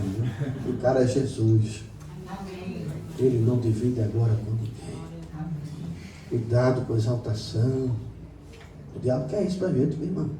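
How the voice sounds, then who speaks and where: A man, a pastor preaching with passion, moving from quiet storytelling to loud exclamations. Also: medium pitch, slight background noise. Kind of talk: sermon. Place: church meeting room. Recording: roomy hall recorded from a distance.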